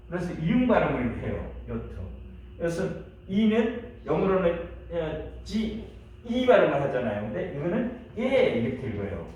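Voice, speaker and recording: A man's voice: on the high side, darkish tone. Man lecturing in a very echoey room. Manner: chatty, asks the class questions and laughs. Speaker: pastor teaching a class. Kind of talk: church history lecture. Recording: echoey room, mic from a distance, faint hiss.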